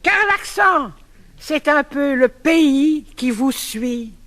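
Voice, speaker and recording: A man's voice: very high-pitched, animated, slow pace, sharp tone. A man with a Brussels accent performing a comic sketch, proudly declaiming verse about his accent.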